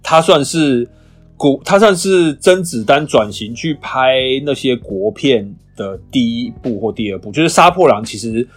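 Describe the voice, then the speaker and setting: A man's voice: medium pitch, husky, soft background music. A man co-hosting a casual podcast chat, retelling movie scenes with acted-out lines. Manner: fast, animated storytelling with acted-out movie lines. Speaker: podcast co-host.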